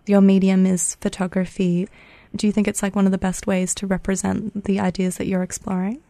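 A young woman, asking relaxed interview questions with plenty of filler words. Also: medium pitch, a little fast, dry recording. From Australia. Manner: relaxed, uses many fillers.

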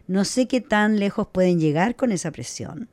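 A woman's voice: mid-range voice, expressive, normal speed, a little mellow, dry recording. A woman hosting a radio conversation, an attentive interviewer who often agrees and asks questions. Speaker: radio host.

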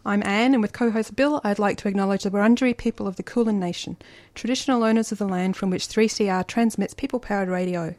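A woman hosting a community radio program, reading a measured scripted introduction and interviewing a guest in the studio. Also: medium pitch, steady tone, a little mellow, no echo. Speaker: radio host. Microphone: studio microphone.

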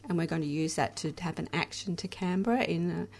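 A woman chatting casually on radio in a halting, self-interrupting way. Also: fairly low pitch, gravelly, darkish tone. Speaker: radio co-host and project coordinator. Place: crowded radio studio with shared microphones.

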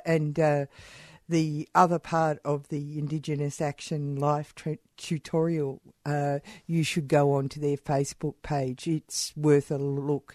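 A man's voice: on the high side, darkish tone, no echo, studio quality. A man hosting a radio show in an unscripted way, hesitant and often searching for words.

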